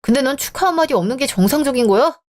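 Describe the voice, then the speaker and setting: A woman's voice: high-pitched, expressive, quick pace, a little mellow, voice pushed up. A woman voicing a dismissive selfish husband. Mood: scornful. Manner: dismissive, irritated, sarcastic. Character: selfish young married man, eldest son. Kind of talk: dramatized story reading.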